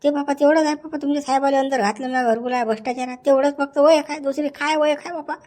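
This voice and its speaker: A man's voice: very high-pitched, fairly even intonation, fast talker, a little mellow. A man acting a nervous, honest village official in a comedy sketch, protesting and repeating "baba" as he talks. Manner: protesting, sprinkles "baba" through his speech.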